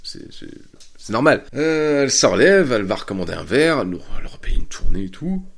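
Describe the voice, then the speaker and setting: Male podcast host, gravelly low voice, lively swings in pitch, crude casual anecdotes. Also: a little fast. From France. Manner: crude, chatty, laughing often. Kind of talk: casual storytelling. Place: Bordeaux area.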